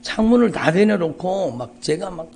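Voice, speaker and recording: A middle-aged man, a pastor giving an emotional testimony in a dawn sermon, repeating phrases and swinging between quiet and loud. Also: high-pitched, expressive, moderate pace, husky. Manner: emotional, repetitive, rising and falling intensity. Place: church sanctuary.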